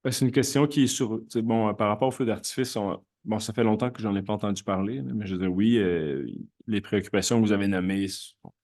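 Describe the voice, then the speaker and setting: A man's voice: on the low side, fairly even intonation, quick pace, a little mellow. A man with a Quebec French accent chairing a council meeting, replying informally in a hesitant, roundabout way. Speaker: council chair answering residents.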